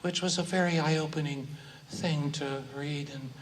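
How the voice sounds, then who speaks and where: Man, slightly high flat voice, halting address to a crowd; distant, echoey hall recording with clear room noise. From Oakland, California. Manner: halting, frequent pauses and fillers. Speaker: speaker acknowledging guests at a gathering. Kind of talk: informal public address to an audience. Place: large hall with an audience.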